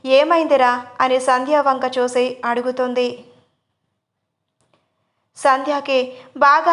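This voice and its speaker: High, even-toned woman storyteller. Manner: steady, even reading. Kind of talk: scripted story narration.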